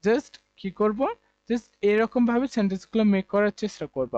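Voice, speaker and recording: A man's voice: sits high, fairly even intonation, moderate pace, darkish tone, highs cut off. Bangladeshi man drilling English words. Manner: repetitive drilling of pronunciations; explains with many fillers and restarts. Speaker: English teacher. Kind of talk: online English lesson.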